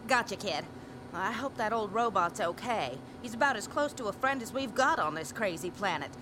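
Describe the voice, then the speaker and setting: A woman's voice: mid-range voice, expressive, moderate pace, background noise, lightly acted. A woman playing a brash, wisecracking star reporter and pilot with snappy old-time slang in a radio drama. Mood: brisk, wry. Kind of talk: retro sci-fi radio drama acting.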